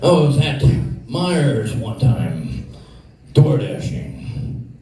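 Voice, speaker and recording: A man's voice: mid-range voice, big pitch swings, very slow, warm tone. A man telling a comedic story in a profane, exasperated rant, recorded far from the mic in a very echoey room.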